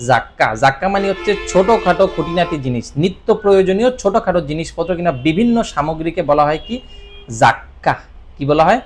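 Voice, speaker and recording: A man teaching Japanese vocabulary in a casual lesson, often asking a question and repeating each word slowly. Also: on the high side, expressive, over music. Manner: repeats words with quiz questions; draws out words slowly. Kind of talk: explanatory lesson.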